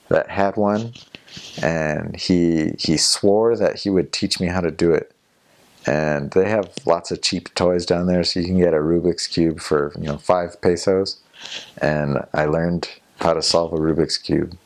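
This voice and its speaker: A young man with a low-pitched voice, a returned missionary, tells stories from his mission during a casual interview. He rambles a little, with fillers and restarts.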